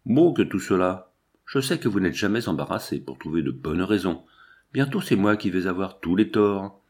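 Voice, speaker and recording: A man voicing a shabby, suspicious male accomplice who is quick to anger and hurls indignant accusations in a storybook reading. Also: low-pitched, expressive, a little mellow. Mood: resentful.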